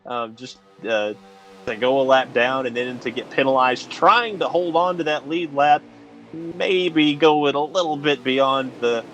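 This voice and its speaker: A man's voice: medium pitch, fairly bright tone. Male color commentator, mid-range voice, faint background hiss, easygoing analysis. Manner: analytical, laughs easily, many fillers. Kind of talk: sim racing commentary.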